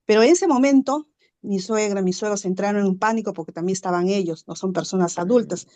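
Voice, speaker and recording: A woman guest telling a story in casual conversation, chatty and animated, leaning on fillers and tag questions and acting out sounds. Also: mid-range voice, fast.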